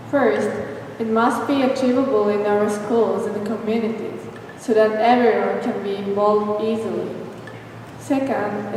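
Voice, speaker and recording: A woman's voice: fairly high pitch, a little mellow, slight background noise. A young woman, a student presenter, setting out her team's points one by one in an orderly way. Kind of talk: school team presentation. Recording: echoey hall, voice from far off.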